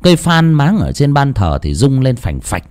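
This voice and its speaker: A man's voice: medium pitch, big pitch swings, moderate pace, darkish tone. A man narrating a ghost story in a dramatic, suspenseful way.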